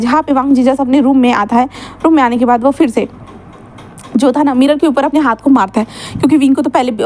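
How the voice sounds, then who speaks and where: A woman tells a fan-fiction story in a casual, chatty way and reads the characters' lines in her own voice. Her voice sits high and her pace is quick. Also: darkish tone. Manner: casual, filler-heavy retelling. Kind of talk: fan-fiction story narration with quoted dialogue.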